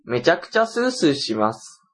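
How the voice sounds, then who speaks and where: Husky Kansai man, teasing. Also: on the high side, very animated, brisk. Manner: teasing, laughs often, reads letters aloud. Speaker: podcast co-host reading listener mail. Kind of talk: casual chat.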